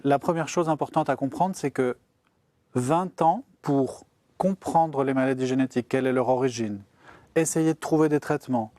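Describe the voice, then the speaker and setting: A man's voice: medium pitch, normal speed, warm tone, dry recording. Guy expert on a show explaining stuff real simple like to a kid, step by step, dry close sound. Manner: explaining to a child in plain, step-by-step words. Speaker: guest expert on genetics.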